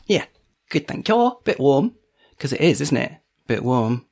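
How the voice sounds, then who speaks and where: A man's voice: medium pitch, very animated, measured pace, gravelly, a little mellow. A man co-hosting a podcast in casual chat, with an understated, slightly hesitant, teasing manner. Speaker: podcast co-host.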